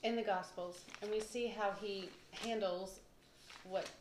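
A woman, co-hosting a casual Bible discussion, chatty and quick to laugh at herself. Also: mid-range voice, steady tone. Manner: chatty, laughs often, self-deprecating. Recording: echoey room with faint noise.

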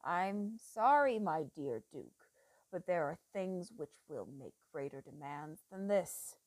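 A woman's voice: expressive, no echo. A woman putting on a feverish treacherous old doctor. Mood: menacing, obsessive. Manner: low, slow, intense murmuring with sudden loud bursts.

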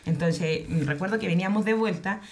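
A woman's voice: lowish voice, a little fast. A woman from Mexico in an interview, telling childhood anecdotes in a loose, joking way. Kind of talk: storytelling, recounting anecdotes.

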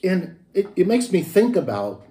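A male pastor preaches in a loose, conversational way, wandering through personal stories and restarting his sentences. His voice is warm and mellow. The sound carries a roomy church echo. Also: high-pitched, sing-song, normal speed. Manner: chatty and anecdotal, with many restarts. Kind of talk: conversational sermon.

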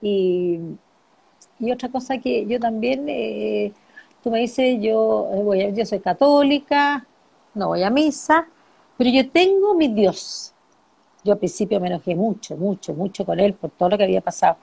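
A middle-aged woman in an interview, speaking softly and reflectively about grief, often repeating phrases for emphasis. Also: medium pitch, animated, moderate pace, creaky, slightly rough. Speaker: interviewee, bereaved mother and author. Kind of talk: emotional personal interview.

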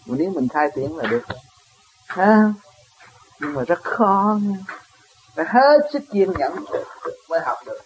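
This man gives a dharma talk as a spiritual teacher, speaking with a Southern Vietnamese accent in a high, sing-song voice at a measured pace with long pauses. He answers a question, chuckles often and keeps asking his listeners rhetorical questions, against a noisy background.

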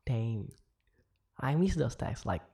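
Man acting young ex-boyfriend, Indonesian accent, deeply relaxed dark timbre, mid pitch, tender, intimate voicemail role-play. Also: slow, creaky, breathy edge, heavily acted. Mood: wistful, tender. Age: young adult. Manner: gentle, casual, switches between Indonesian and English.

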